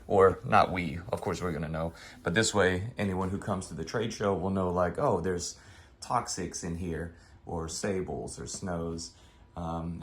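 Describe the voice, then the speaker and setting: A man casually explaining a DIY project step by step as a hobbyist maker. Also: low-pitched. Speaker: hobbyist maker and vendor showing a DIY build. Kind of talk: casual spoken build walkthrough. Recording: clear background noise.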